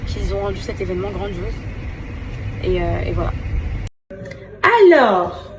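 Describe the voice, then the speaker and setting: A woman's voice: fairly low pitch, flat delivery, fairly quick, mellow. A woman influencer chatting casually to her followers in a rambling way, full of restarts and fillers, recorded at home. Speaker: social media influencer. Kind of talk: casual story vlog to followers. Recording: echoey home room with background noise.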